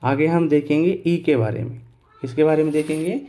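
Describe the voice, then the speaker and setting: A male teacher explaining pronunciation step by step, asking questions and answering them himself, repeating key words slowly and spelling out letters. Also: on the high side, warm tone. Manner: clears his throat now and then. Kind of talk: Hindi lesson on English pronunciation.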